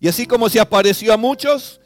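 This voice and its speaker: A man with a high voice leads a devotional meditation, speaking straight to the listener in earnest questions. He swells louder on key words and drops to a hush at the end of phrases, while a guitar plays faintly underneath. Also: fast. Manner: swells loud on key phrases, drops soft at line ends. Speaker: preacher. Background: soft guitar music.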